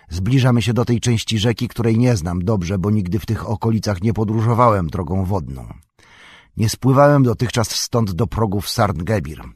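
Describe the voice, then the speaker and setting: A man's voice: mid-range voice, darkish tone, husky, no room sound, clean studio sound, pitched above the performer's own voice, lightly acted. A man voicing a stern grown leader of a company of travellers, giving firm orders in a storybook reading. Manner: firm, commanding, raising the voice to call orders.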